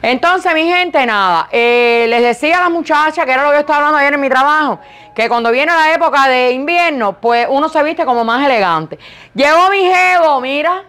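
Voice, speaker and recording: A woman with a loud, high voice, chatting playfully and joking about herself while she models clothes in a boutique for a vlog. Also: lively intonation, fairly quick. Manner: playful, joking, self-mocking.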